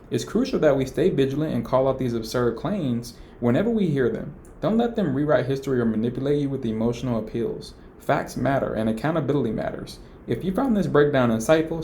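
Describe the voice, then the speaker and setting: A man's voice: medium pitch, dark tone, a little hiss or hum. Indignant man narrating political commentary. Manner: indignant, emphatic, mocking.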